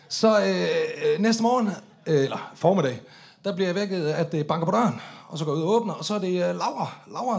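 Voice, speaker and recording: A man performing a stand-up story on stage, swearing freely and acting out the drunk voices of the people in it. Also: a little high. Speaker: comedian telling a story on stage.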